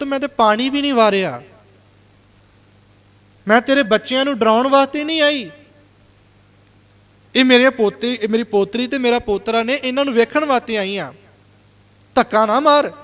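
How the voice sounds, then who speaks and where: A woman's voice: fairly high pitch, big-room sound, close to an everyday voice. A male preacher voicing an elderly village mother who pleads tearfully with her son.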